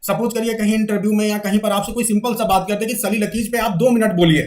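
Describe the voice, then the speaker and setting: A male literature teacher giving a classroom lecture, often checking that students follow and slowly dictating definitions for them to write down. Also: high-pitched, fairly even intonation, a little mellow.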